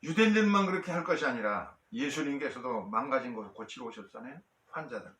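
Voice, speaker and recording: A male pastor preaching a sermon and telling a story, with frequent pauses and fillers. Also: medium pitch, expressive, pushed and bright, roomy sound, far from the mic, slight background noise.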